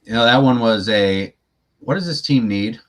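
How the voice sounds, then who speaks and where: A man co-hosting a sports podcast, chatting casually and giving opinionated, animated takes. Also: lowish voice, moderate pace. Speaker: podcast co-host.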